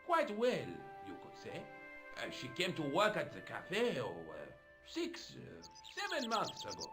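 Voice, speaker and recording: A man's voice: fairly high pitch, wildly swooping pitch, a little slow, music in the background. An actor playing a chatty, theatrical French café man in a video game, with a French accent. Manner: theatrical, melodramatic, fussy.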